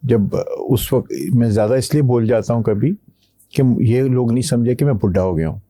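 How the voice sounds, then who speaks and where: A middle-aged man from Pakistan, a company CEO, answering interview questions slowly, pausing to think before he speaks. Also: medium pitch, dark tone, no echo, clean studio sound. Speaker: guest, tech company CEO. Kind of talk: podcast interview.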